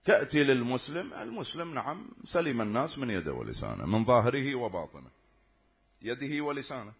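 A man's voice: mid-range voice, sing-song, fairly quick, vocal fry, breathy edge. A man preaching a sermon, often putting rhetorical questions to his listeners.

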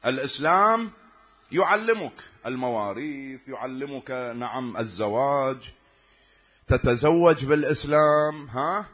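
A man's voice: medium pitch, animated, measured pace, a bit bright. A man preaching a sermon, often putting rhetorical questions to his listeners.

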